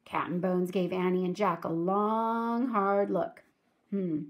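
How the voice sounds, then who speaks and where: A woman teacher reading a children's chapter book aloud in a clear, steady voice. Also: fairly low pitch, measured pace. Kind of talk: storybook read-aloud narration.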